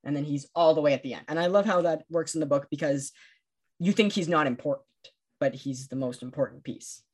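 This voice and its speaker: A man as a podcast guest, talking films in passionate, rapid casual chat. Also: on the high side, slightly rough. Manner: passionate, rapid film analysis. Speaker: podcast guest, film critic.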